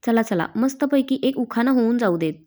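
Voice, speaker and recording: A woman's voice: fairly high pitch, expressive, normal speed, dark tone, natural voice. A woman voicing a cheerful young sister-in-law who playfully coaxes the couple. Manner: playful, coaxing.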